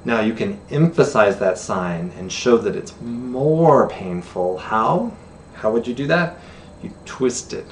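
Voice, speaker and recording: A man's voice: mid-range voice, lively intonation, takes it slowly. A middle-aged man teaching a friendly beginner sign language lesson to camera, chatty and laughing at himself. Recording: distant camera mic with faint room noise.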